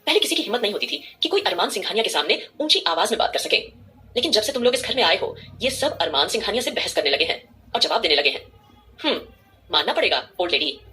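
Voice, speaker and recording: A woman's voice: medium pitch, sing-song, fast talker, pushed and bright. A woman voicing an arrogant, cruel young billionaire man who sneers with contempt. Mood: sneering.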